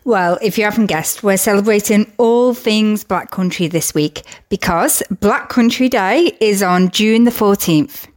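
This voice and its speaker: A woman's voice: mid-range voice, unhurried, hardly any pauses, darkish tone. Woman presenter, upbeat and chatty, scripted community update. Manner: chatty and upbeat, with casual asides.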